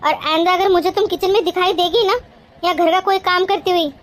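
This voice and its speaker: A woman's voice: high-pitched, steady tone, fairly quick, lightly acted. Woman voicing a strict, caring cartoon sister-in-law. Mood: scolding. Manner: scolding and bossy, yet affectionate.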